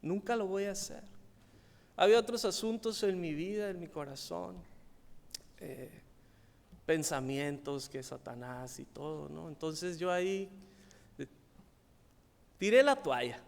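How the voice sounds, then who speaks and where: A man with a Mexican Spanish accent preaching a sermon built on personal testimony, slow and emphatic, rising when he stresses a point. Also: fairly high pitch, vocal fry. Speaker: pastor. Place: church hall. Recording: long hall reverb.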